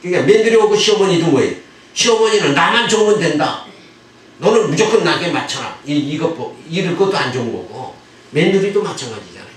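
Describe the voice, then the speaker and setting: A man's voice: a little high, a little hiss or hum. A middle-aged man, a pastor, lecturing on the Bible in a conversational way and often posing rhetorical questions to the class. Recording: echoey room, far from the mic.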